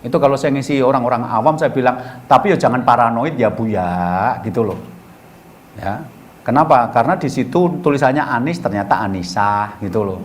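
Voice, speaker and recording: A man's voice: mid-range voice, brisk, a little hiss or hum. A middle-aged man giving a colloquial storytelling sermon as a preacher, acting out both sides of the dialogues he recounts.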